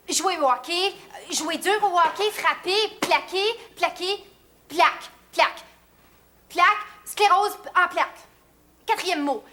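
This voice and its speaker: A man doing a high, bright-voiced housewife contestant. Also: exaggerated voice. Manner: rapid-fire word guessing, repetitive. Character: eager housewife contestant, champion player.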